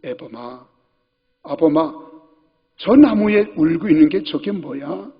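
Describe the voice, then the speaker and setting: A man voicing a gentle, loving old father of eighty-three, soft and half-whispered, in a reverberant church hall with dull sound. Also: on the high side, expressive, slow pace, slightly rough, full character voice. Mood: musing.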